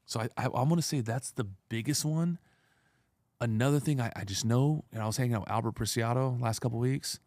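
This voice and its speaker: A man's voice: mid-range voice, fairly quick, darkish tone, no room sound. A man in his thirties, an entrepreneur guest, telling blunt, profane stories in streetwise slang. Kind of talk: casual storytelling.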